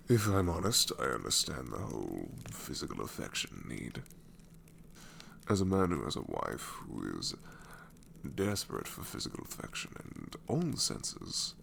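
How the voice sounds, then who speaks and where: A man with a bass voice, creaky and a bit bright, uses an exaggerated delivery over a little hiss or hum. In an ASMR roleplay he voices a sassy, married male shadow demon, drawling sarcastically and often slipping into whispers, in a musing mood.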